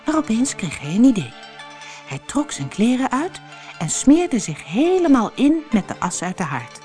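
A woman from the Netherlands reading a children's fairy tale aloud with expressive storytelling. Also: fairly high pitch, normal speed, faint music behind. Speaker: narrator.

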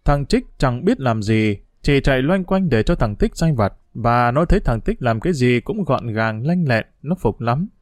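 A man reading a story aloud at a mid pitch, steady and measured. The sound is dry and close, with no room echo. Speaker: narrator. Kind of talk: storybook narration.

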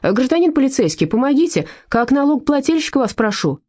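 A nasty, taunting bully of a man, as a woman reader puts him on. He jeers, bellows and whines with a wide, lively pitch, in a mellow, slightly husky audiobook voice. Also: fairly quick, no echo, studio quality. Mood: shouting. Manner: mocking, shouting, whiny when complaining. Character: spiteful jeering man, dog owner bully.

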